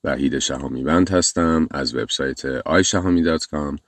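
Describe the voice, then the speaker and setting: A man, a teacher, explaining in his own language and repeating English phrases slowly and clearly. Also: very deep voice, dry recording, clean studio sound. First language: Persian.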